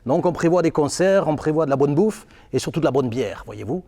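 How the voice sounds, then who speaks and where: Guy putting on a pompous bavarian-belgian beer ambassador, fake german accent, fancy talk, highish voice in a big echoey hall. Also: animated, brisk, dark tone. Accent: put-on German-Belgian. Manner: formal, keeps adding "n'est-ce pas" and "voyez-vous". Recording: hall reverb.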